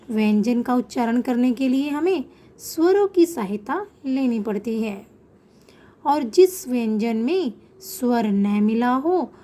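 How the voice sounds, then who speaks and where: With a mellow, fairly high voice, a female teacher walks children through an online Sanskrit lesson, patiently slowing to sound out sample words.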